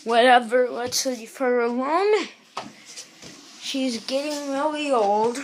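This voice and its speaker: A woman chatting casually and informally to viewers in a rambling amateur vlog, on a homemade recording. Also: fairly high pitch. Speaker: amateur vlogger. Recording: noisy home recording with clicks.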